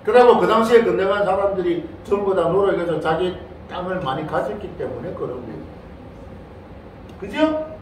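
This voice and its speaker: A man's voice: high voice, a little hiss or hum. An older man, a Buddhist monk, gives a playful Dharma lecture to a congregation and keeps prompting his listeners with questions. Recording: very echoey hall, voice far from the mic.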